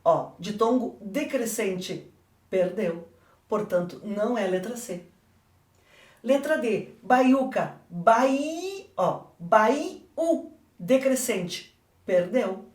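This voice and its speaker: A woman's voice: on the high side, expressive, extremely slow, darkish tone. A woman teacher with a Brazilian Portuguese accent, correcting an exam in a didactic way and asking and answering her own questions. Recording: echoey room, voice from a distance.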